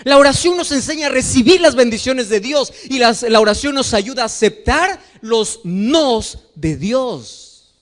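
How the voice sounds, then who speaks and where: A man preaching a sermon as pastor, asking the congregation questions and slowing down to stretch key phrases for emphasis. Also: lively intonation, a bit bright. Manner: acts out quoted voices in a raised pitch.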